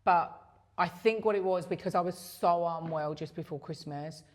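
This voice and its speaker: A woman, chatting on a podcast. Her voice sits a little low, and she talks in a supportive, matter-of-fact way. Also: normal speed. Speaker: podcast co-host. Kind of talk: casual chat.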